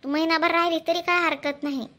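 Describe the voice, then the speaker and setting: A sly village mother-in-law, voiced by a woman who sweet-talks and rambles on in a high voice, with a Marathwada Marathi accent, in a homespun comedy skit. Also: steady tone, fast talker, background noise. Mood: coaxing.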